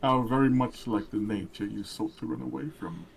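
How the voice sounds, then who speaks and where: A man's voice: medium pitch, moderate pace, gravelly, a little hiss or hum, natural voice, low-quality recording. A man voicing a haughty, commanding female knight who speaks in formal, scornful tones.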